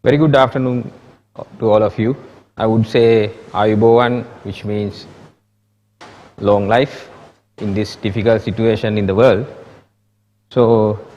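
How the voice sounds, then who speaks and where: A man with a Sri Lankan accent giving a conference presentation as an architect, with halting, loosely worded delivery. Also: on the low side, steady tone, darkish tone, dull audio. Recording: echoey hall with long reverb.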